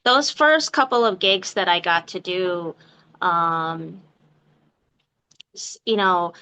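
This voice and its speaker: A woman chatting casually as an interview guest, expressive and talkative, with a sweet voice like a cartoon princess. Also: lowish voice, clear, resonant tone. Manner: chatty, expressive, quick to laugh. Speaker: podcast guest, mermaid performer.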